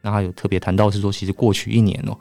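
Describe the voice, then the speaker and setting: A man's voice: fairly low pitch, flat delivery, rapid-fire, gravelly, darkish tone, soft background music. A man with a Taiwanese accent talking casually as a journalist guest, explaining his reporting. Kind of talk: casual explanatory podcast talk.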